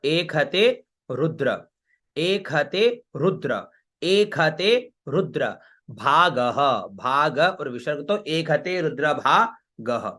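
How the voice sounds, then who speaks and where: Male recitation teacher, slightly high, measured and slow, repeats lines for students over a call. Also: fairly bright tone. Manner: chants verses slowly, then explains syllable by syllable; patient, repeats with frequent check-ins. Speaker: Vedic chanting teacher. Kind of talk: online class, recitation lesson.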